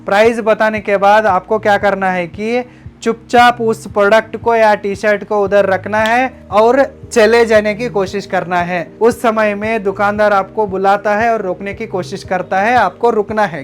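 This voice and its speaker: Man, high voice, business lesson narration, instructive, faint hum behind. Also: fairly even intonation, moderate pace. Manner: instructive, addresses viewers as friends. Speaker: business educator. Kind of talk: scripted narration.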